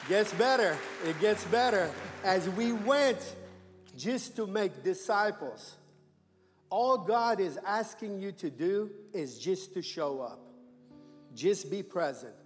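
High-voiced man. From Iran. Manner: emphatic preacher, calls for amens. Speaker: guest missionary. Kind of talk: church testimony. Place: church sanctuary. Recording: echoey sanctuary with faint music.

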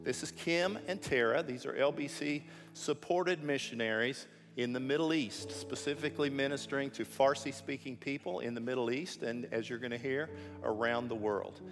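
A pastor gives friendly, upbeat announcements from the front of a church. His voice is mid-pitched. The sanctuary echoes, with faint music underneath. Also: normal speed, few pauses.

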